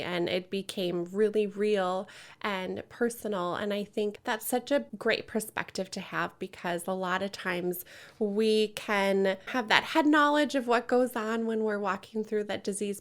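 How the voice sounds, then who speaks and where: A woman's voice: mid-range voice, fairly bright tone. Woman hosting an interview podcast. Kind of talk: podcast introduction and conversational interviewing.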